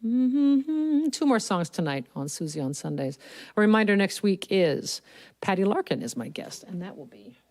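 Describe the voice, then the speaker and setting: A woman's voice: fairly low pitch, animated, normal speed, a little mellow. A woman hosting a livestream from a studio, chatting enthusiastically about songwriting craft and humming bits of melody to show her point. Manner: enthusiastic, breaks into humming and sung lines to demonstrate. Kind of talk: casual livestream talk about songwriting between songs. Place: recording studio. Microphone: studio mic at a piano. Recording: clear piano playing behind the voice. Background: piano.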